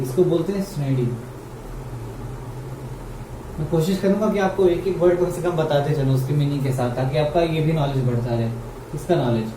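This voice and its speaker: A man's voice: on the high side, dark tone. Male grammar teacher, roomy and far. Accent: Indian English. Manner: repeats key words and asks the class questions. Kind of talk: explaining grammar at a board in Hindi. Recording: roomy, mic far off, faint hum.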